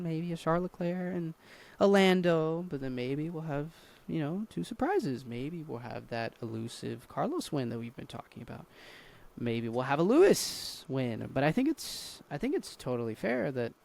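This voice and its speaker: A man's voice: on the high side, gravelly. Teasing skeptical male podcast co-host. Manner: teasing, skeptical, swears casually. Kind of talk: casual chat.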